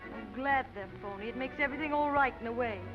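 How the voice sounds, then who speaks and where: A woman's voice: fairly high pitch, fast talker, close to an everyday voice. An American actress playing a naive, wistful small-town young woman in 1930s screwball comedy film banter, speaking earnestly. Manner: earnest, ingenuous. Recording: dull 1930s film soundtrack, loud music behind.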